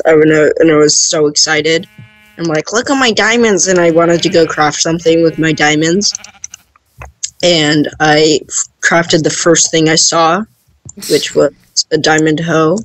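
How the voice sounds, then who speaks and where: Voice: medium pitch, flat delivery, measured pace, rough recording. A gamer in casual game chat, telling an easygoing story to friends. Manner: laid-back storytelling.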